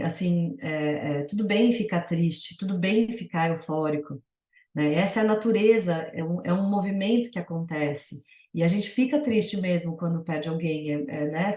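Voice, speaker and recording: A woman's voice: on the low side, darkish tone, echoey room. A woman with a Brazilian Portuguese accent teaching a yoga satsanga in a casual, reflective way, full of fillers.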